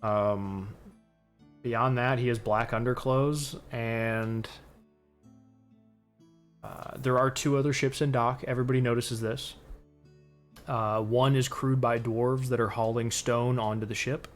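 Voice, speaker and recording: A man's voice: medium pitch, fairly even intonation, unhurried, long pauses, soft background music. A man narrating a tabletop game as game master, describing scenes with frequent fillers.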